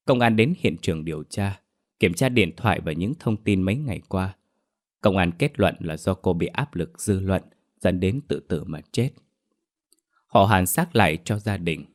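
Male horror narrator, low-pitched, steady and even. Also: normal speed. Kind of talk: scripted horror story narration.

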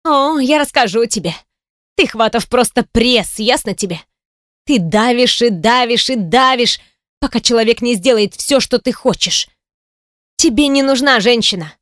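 A woman reading an audiobook voices a sharp-tongued ex-wife, accusing and scornful. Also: a little high, animated, moderate pace, no room sound, studio quality. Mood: furious.

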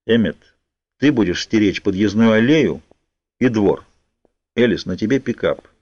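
A man's voice: lowish voice, animated, measured pace, darkish tone, dry recording. A man voicing a tense, protective young man who talks in a curt, commanding way, on a dull lo-fi audiobook recording.

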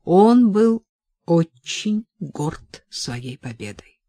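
A woman narrating an audiobook in a measured, even reading. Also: on the low side, dry recording. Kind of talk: scripted narration.

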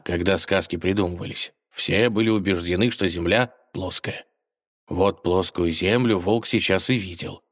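A man narrating a fairy tale for children, gently addressing his listeners directly. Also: low voice.

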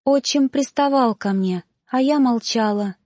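A woman's voice: on the high side, unhurried, warm tone, no echo, clean studio sound, voice pushed up. A woman voicing the ghost of a grieving young woman, speaking in a sobbing, pleading way. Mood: tearful.

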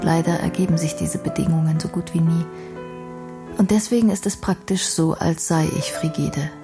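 An actress with a low-pitched, fairly even voice plays a blunt, earnest young intellectual woman in a radio crime drama, speaking precisely and formally at normal speed. Her mood is candid and matter-of-fact, and music plays behind her.

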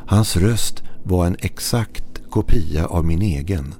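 A man narrating a horror story in a measured, tense storytelling manner. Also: low-pitched, dark tone, slight background noise.

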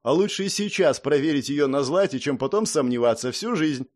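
Man putting on a swaggering young highlander. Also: lively intonation, darkish tone, lightly acted. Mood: mocking. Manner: exclamatory, mock-lecturing, drawn-out interjections.

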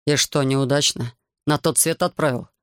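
A man voicing a stern, influential host who questions his visitor in a measured, probing way. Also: medium pitch, fairly even intonation, a bit bright, smooth, no room sound, clean studio sound, close to an everyday voice.

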